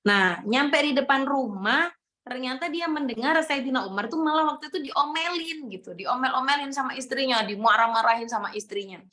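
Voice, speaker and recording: A young woman with a Javanese accent teaching a Ramadan religious study, relaxed and storytelling, slipping into Javanese asides. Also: high voice, a little fast.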